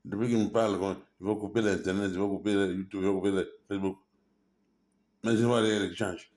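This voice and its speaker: Middle-aged male vlogger, fairly low voice, rambling and aggrieved, mixes French and English. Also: steady tone, a little fast, darkish tone. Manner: agitated, repetitive, often asks "hein?"; switches between French and English. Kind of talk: rambling direct-to-camera monologue.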